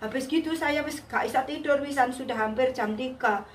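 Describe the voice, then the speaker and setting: A woman's voice: high-pitched, normal speed. A woman giving a personal testimony in a vivid, repetitive storytelling manner. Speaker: testimony giver. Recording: echoey room, distant mic, faint hiss.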